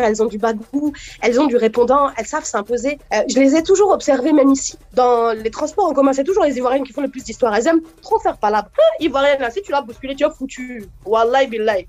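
A woman from France, a comedian, chatting lively in a radio interview. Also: high voice, lo-fi sound.

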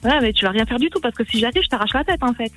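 A woman phones a radio show and fires off threats in a rapid, aggressive stream. Her voice is high and very fast, with faint music playing under the call. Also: lively intonation, fairly bright tone. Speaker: caller.

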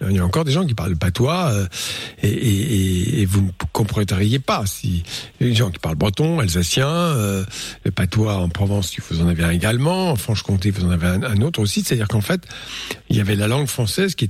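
A male co-host on a call-in show who muses thoughtfully and explains things at length. His voice is low and strongly husky. It is recorded dry and close. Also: very animated, brisk, darkish tone, dry recording. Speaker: resident doctor co-host. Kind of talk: casual on-air chat.

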